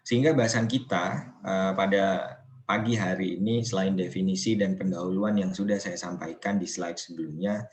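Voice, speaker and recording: Lecturer, male, low voice, measured and unhurried, online class, faint background hiss. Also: steady tone. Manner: slow, measured, asks students questions. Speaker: nursing lecturer.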